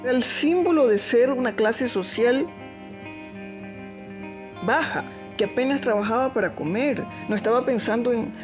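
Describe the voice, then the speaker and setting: A woman with an Ecuadorian Spanish accent, speaking in a thoughtful, measured way in a documentary interview. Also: a little high.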